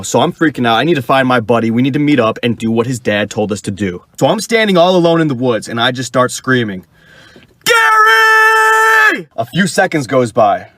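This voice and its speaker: A young man recounts a wild night with excited energy. His pitch swings widely as he talks, and the sound is dry and close, with no room around it. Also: dry recording. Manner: excited, animated storytelling. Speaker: storyteller. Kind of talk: casual storytime.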